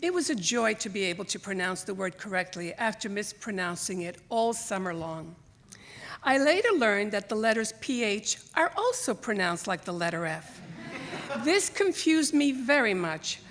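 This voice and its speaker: This is a live reading at a library theater, where an older Greek-born woman who moved to the United States in childhood presents her own written essay about her life. Her mid-range voice keeps a normal speed, her native tongue was Greek or Italian, and she dramatizes remembered exchanges like a storyteller.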